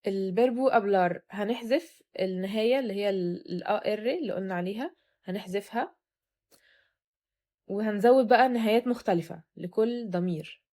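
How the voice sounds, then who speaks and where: A young woman with an Egyptian Arabic accent gives a Spanish lesson for beginners, explaining verb endings in a patient way and repeating each form slowly so learners can follow. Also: medium pitch, warm tone. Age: young adult. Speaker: Spanish teacher. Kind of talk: recorded online lesson.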